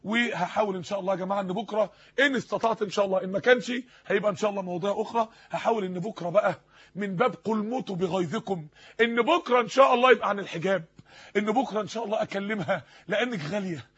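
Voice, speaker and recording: A man's voice: high-pitched, very fast, a bit bright, breathy edge. A man with an Egyptian Arabic accent preaching a fervent sermon, firing off repeated pleading rhetorical questions. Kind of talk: impassioned sermon. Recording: dull lo-fi recording.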